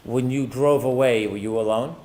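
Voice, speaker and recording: A man's voice: medium pitch, fairly even intonation, normal speed, darkish tone, slight background noise. A man working as an attorney, questioning a witness in court in a formal, methodical and precise way. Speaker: prosecuting attorney.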